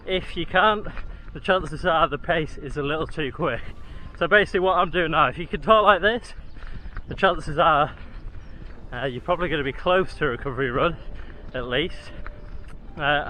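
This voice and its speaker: A man's voice: a little high, a little fast, sharp tone, a little hiss or hum, low-quality recording. A man talking casually to camera as a running vlogger, speaking while out on a run outdoors. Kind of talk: casual vlog talk to camera.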